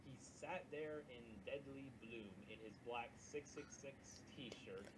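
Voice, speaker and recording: A man reading a bad story aloud for laughs, mostly deadpan. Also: medium pitch, takes it slowly, noisy background.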